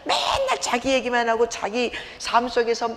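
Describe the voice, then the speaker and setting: A woman's voice: a little high, moderate pace. A middle-aged woman preacher giving a sermon woven with personal stories, acting out scenes as she tells them. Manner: animated storyteller, acts out scenes. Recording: reverberant hall, faint background noise.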